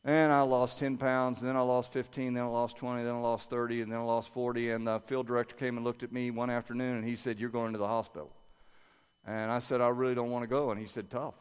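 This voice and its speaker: An older man preaching a sermon and praying aloud, earnest, moving from quiet prayer to lively storytelling. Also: medium pitch, quick pace, hardly any pauses, clear, resonant tone. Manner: earnest, prays aloud softly then preaches with rising energy. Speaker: pastor. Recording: long reverb of a large hall.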